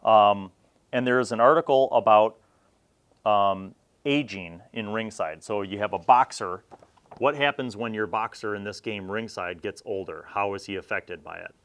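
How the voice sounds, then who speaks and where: Commenting on old roleplaying magazines as host of a review series, a middle-aged man chats in a relaxed, conversational way and drifts a little. His voice is fairly low-pitched and slightly bright, at a moderate pace.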